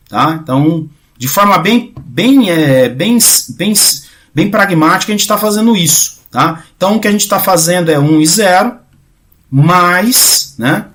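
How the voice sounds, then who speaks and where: A man giving a casual math lecture, often checking in with his students and restarting phrases, going quieter while he draws. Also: fairly high pitch. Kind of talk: informal recorded lecture.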